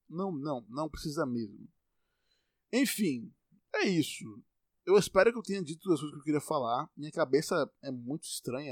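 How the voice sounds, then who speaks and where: A man's voice: mid-range voice, dry recording, clean studio sound. A young man with a Bahian Brazilian accent talking casually to the camera in a blunt, profane, ranting way. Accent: Bahian Brazilian Portuguese.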